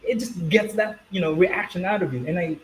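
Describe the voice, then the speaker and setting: A man's voice: sits high, fairly quick, a little hiss or hum, low-quality recording. A man who fronts a metal band, talking bluntly and cursing freely as a podcast guest. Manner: blunt, profane, storytelling. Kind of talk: casual podcast chat.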